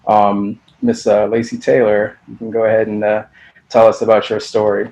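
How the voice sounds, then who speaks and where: A man's voice: fairly low pitch, monotone, normal speed, darkish tone, highs cut off. A young man in his twenties, a veterinary student, moderating a video-call panel with a hesitant manner and many fillers.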